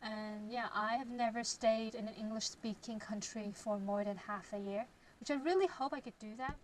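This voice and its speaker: A young woman, a novelist with a Cantonese accent, chats on her casual vlog at a moderate pace, thinking aloud, reading aloud, and sometimes dropping to a whisper. Her voice is on the high side with fairly even intonation, and the rough recording has slight background noise.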